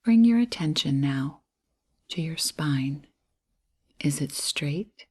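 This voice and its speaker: A woman with a low, soft, breathy voice guides a meditation very slowly, airy edges on her words. Her delivery is gentle and soothing, with pauses between short phrases.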